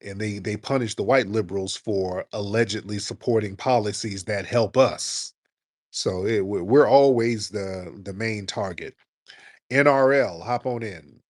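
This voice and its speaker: A man's voice: on the low side, measured pace, no echo, studio quality. A man hosting a casual audio chat room, making his point insistently with rhetorical questions. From United States.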